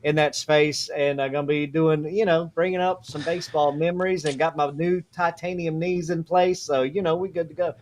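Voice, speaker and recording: A man co-hosts a live sports chat. He jokes a lot and talks in a plain, down-to-earth way. His voice sits slightly high. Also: fairly even intonation, normal speed, few pauses, slight background noise. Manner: joking, plain-spoken. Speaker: co-host, high school sports broadcaster.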